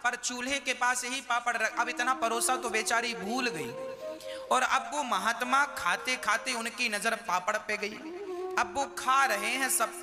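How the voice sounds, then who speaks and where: High-voiced preacher guy, slow folksy storytelling, big echoey hall, music under. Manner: folksy, acts out characters. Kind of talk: devotional storytelling sermon. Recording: long hall reverb with music.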